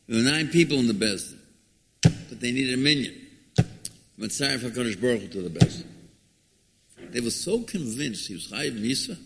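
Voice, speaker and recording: A man delivers a sermon, his voice at a middling pitch. He is dramatic and emphatic, asking questions and repeating phrases for weight. Long reverb from a big hall trails his words. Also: a bit bright, husky. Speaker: rabbi giving a Torah lecture. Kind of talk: sermon, expounding scripture.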